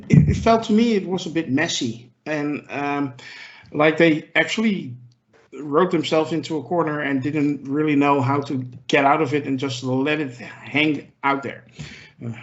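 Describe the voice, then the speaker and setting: Man, podcast panelist, hesitant and filler-heavy, somewhat high pitch, lo-fi audio. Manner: hesitant, many fillers, gets excited. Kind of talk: casual discussion. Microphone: handheld mic moved about. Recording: muffled lo-fi audio.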